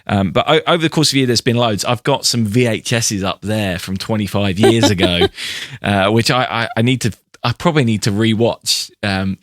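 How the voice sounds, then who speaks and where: A man hosting a podcast, talking casually and haltingly, often repeating words. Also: on the low side, a bit bright, no room sound, studio quality. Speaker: podcast host. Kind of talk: casual chat.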